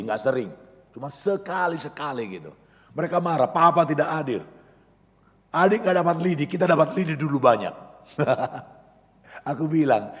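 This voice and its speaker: A man from Indonesia, a pastor, preaching a church sermon with lively storytelling and sudden loud bursts. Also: medium pitch. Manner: animated storytelling with sudden loud outbursts and laughter. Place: church hall. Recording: long hall reverb.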